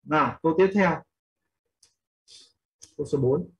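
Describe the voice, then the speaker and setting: A man's voice: fairly high pitch, measured pace, lo-fi sound. A man teaching an English class in Vietnamese, explaining a reading step by step and questioning his students as he goes. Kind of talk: online class instruction.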